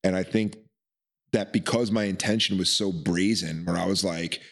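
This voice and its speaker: A man in a relaxed conversation, spinning a long rambling story. His voice sits low, and he slips into quoted voices and laughter as he goes. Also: normal speed, vocal fry. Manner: laid-back, rambling, acts out quotes, laughs often. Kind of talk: casual storytelling chat.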